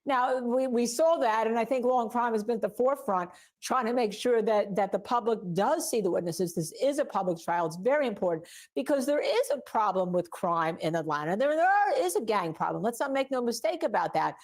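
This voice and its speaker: A woman with a somewhat high voice interviews a guest for legal news. Her questions are long and halting, built up in several clauses. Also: lively intonation.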